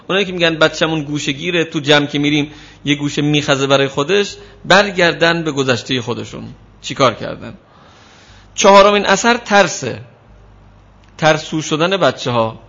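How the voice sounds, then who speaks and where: Guy teaching a parenting class, slightly high voice, dull muffled recording. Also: sharp tone. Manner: earnest, mixes casual talk with bookish reading. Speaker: parenting lecturer and counselor. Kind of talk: classroom lecture, reading a story aloud.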